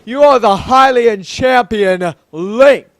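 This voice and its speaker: Man putting on a slow stately fish king. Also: very high-pitched, no echo, voice pushed up. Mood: formal. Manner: slow, formal, deliberate delivery. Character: stately large male fish-folk king, kindly.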